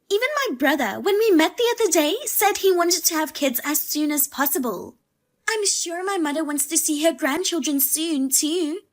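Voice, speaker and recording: A woman voicing a pushy, scornful sister-in-law who talks in a sharp, demanding and insulting way. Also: very high voice.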